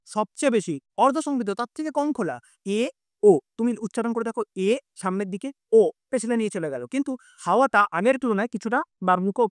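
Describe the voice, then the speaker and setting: A man's voice: sits high, dry recording, studio quality. A man teaching a live online class, explaining step by step, sounding out vowels and correcting himself as he goes.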